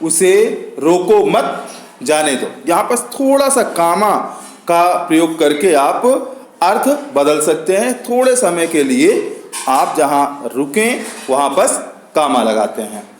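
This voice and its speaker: A man's voice: a little high, expressive, slow pace, reverberant, slight background noise. A man with an Indian accent teaching a grammar lesson, patient and repeating each point for his students.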